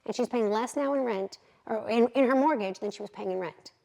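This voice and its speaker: A realtor in her thirties, telling animated, candid stories as a podcast guest. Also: fairly high pitch, brisk, creaky, poor audio. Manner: animated, candid, acts out quotes. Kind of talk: lively storytelling in an interview.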